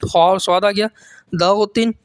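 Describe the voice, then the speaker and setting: A man teaching a step-by-step Quran reading lesson, patiently repeating each letter slowly and drawing it out, then asking questions and answering them himself. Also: sits high, steady tone, no room sound.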